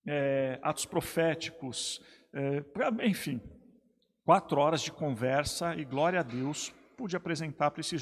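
Emphatic husky-voiced pastor in a reverberant space. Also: male voice, a little high. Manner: emphatic, repeats key phrases. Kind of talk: preaching in a two-man discussion.

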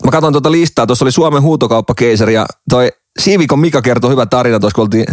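A man's voice: medium pitch, dry recording, studio quality. A man hosting a podcast in casual chat, rambling through joking stories and laughing often. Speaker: podcast co-host.

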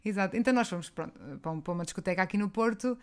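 A woman's voice: medium pitch, very fast, clean tone. A young woman from Portugal with a European Portuguese accent, co-hosting a podcast and telling stories in a casual chat, laughing often. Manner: laughing storyteller. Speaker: podcast co-host.

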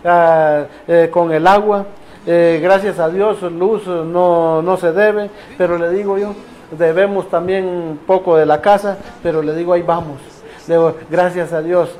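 A man's voice: high voice, fairly even intonation, a little slow, a little mellow, a little hiss or hum. A man giving a rambling personal faith testimony, full of fillers and reported dialogue. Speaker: testimony giver.

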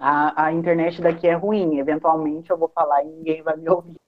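A man's voice: a little high, little pitch movement, brisk, background noise. A man in a Bible study group call speaking through headphones, his voice breaking up over a bad internet connection, talking hesitantly. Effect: choppy, cutting-out internet call audio. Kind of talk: casual group video call discussion. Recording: muffled lo-fi online call.

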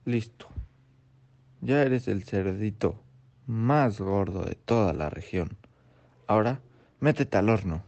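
A man's voice: lowish voice, slow, long pauses, a little mellow. A man voicing a hungry, impatient male fox in a storybook reading, snapping out his demands. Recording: dull lo-fi recording.

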